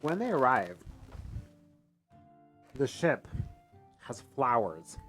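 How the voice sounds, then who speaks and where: A man playing in a tabletop game, describing scenes in an animated, casual way, with frequent casual swearing. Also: medium pitch, very slow, soft background music. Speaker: player.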